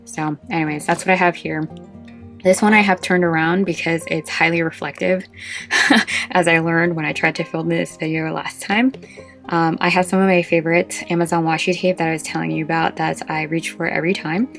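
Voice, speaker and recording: Casual vlog host, female, low register with vocal fry, short of breath, chatty and meandering, soft guitar underneath. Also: little pitch movement, normal speed. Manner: chatty and informal, meandering with asides. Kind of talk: casual chat showing a craft collection.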